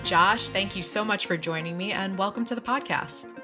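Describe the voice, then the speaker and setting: A woman's voice: medium pitch, over loud music. A woman with a Queens, New York accent hosting an interview podcast. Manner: fast-talking. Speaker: podcast host. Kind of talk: podcast interview with prepared introduction.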